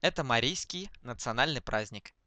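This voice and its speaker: A man dictating text slowly to speech recognition, speaking each punctuation mark aloud, word by word. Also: mid-range voice, expressive, bright, forceful tone, no echo. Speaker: dictation demonstrator.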